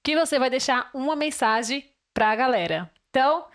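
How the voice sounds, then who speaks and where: A Brazilian woman hosting a talk show, reflecting in a gently preaching way. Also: high voice, expressive, moderate pace. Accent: Brazilian Portuguese. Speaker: show host. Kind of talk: casual talk-show chat.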